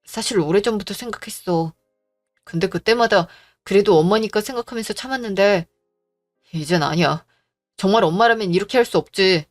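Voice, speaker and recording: A woman voicing a gentle, devoted young man who pleads softly, in a storybook drama reading. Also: medium pitch, brisk, faint music behind, natural voice. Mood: pleading. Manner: pleading, soft-spoken.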